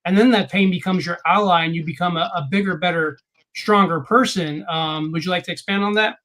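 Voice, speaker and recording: A man's voice: high-pitched, fairly quick, a bit bright. Earnest man hosting a podcast. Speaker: podcast host. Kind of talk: casual podcast conversation.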